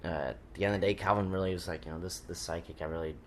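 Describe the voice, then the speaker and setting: A man co-hosting a casual film commentary in an informal, halting way, recorded on a handheld recorder in a living room. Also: deep voice, steady tone, a little hiss or hum. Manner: informal, halting, joking asides. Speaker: filmmaker co-commentator. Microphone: handheld portable recorder in the room.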